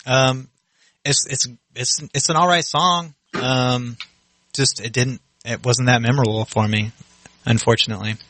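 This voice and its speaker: A man's voice: medium pitch, steady tone, measured pace, sharp tone, dry recording. A man co-hosting a podcast in casual chat, hesitant and full of fillers, swearing often. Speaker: podcast co-host.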